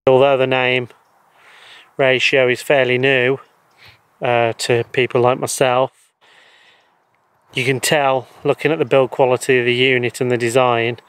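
Outdoors beside a wooden shed, an EV charger installer and channel host in his thirties walks through an installation, wearing a lapel mic. His hoarse, mid-range voice stays relaxed and explanatory, peppered with frequent ums and so's.

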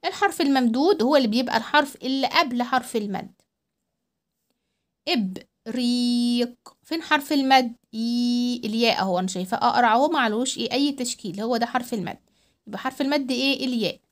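A woman with an Egyptian accent teaching young children to read, drawing out syllables slowly and clearly. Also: fairly high pitch. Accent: Egyptian Arabic. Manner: drawn-out syllables for young learners. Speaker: primary school teacher. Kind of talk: children's reading lesson. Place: voice-over recorded at home.

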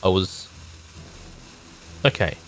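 Speaking slowly, a game streamer in his thirties gives casual, thinking-aloud commentary in short, musing remarks. He's in a small room at home, with background music and slight background noise.

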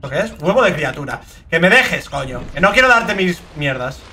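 A young man with a Spain Spanish accent doing let's play commentary, excitable and swearing a lot, with sudden shrieking outbursts. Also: fairly high pitch, normal speed. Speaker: gaming video creator.

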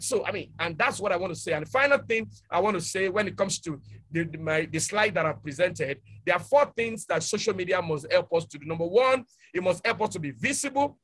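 A man's voice: high-pitched, lively intonation, a little fast, a bit bright, slightly rough. A man, speaking emphatically on an online panel and repeating his key points. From Nigeria.

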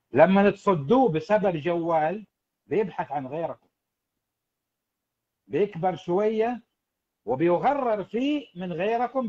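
A man with a high voice, a parenting coach, speaks directly to the audience at a live talk, emphatic, animated and preachy in tone. The recording is muffled.

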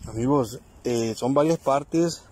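A man with a Mexican accent hosting a ghost-hunting vlog in a cemetery at night, nervously calling out questions to a spirit and speaking to his viewers in a hushed voice. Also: medium pitch, takes it slowly, slightly rough. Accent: Mexican Spanish. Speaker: paranormal vlogger.

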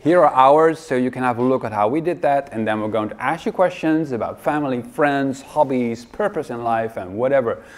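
A man's voice: medium pitch, brisk, hardly any pauses. A middle-aged man giving a wry, joking conference keynote in a large hall, speaking into a headset mic. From Netherlands. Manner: wry, joking, lively presenter.

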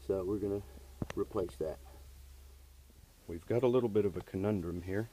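A man's voice: low voice, normal speed, mellow, breathy edge, low-quality recording. A man working as an HVAC technician, plainly explaining a hands-on repair step by step with frequent fillers, recorded on a handheld camera in a basement and workshop. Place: basement furnace area and workshop floor. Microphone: camera held by the speaker while working.

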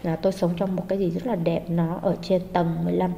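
Woman teacher, mellow and patient, slightly echoey with light background noise. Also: lowish voice, flat delivery, fast talker, gravelly. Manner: patient, hesitant with frequent fillers. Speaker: English teacher. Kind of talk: explaining exam answers. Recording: long hall reverb, faint noise.

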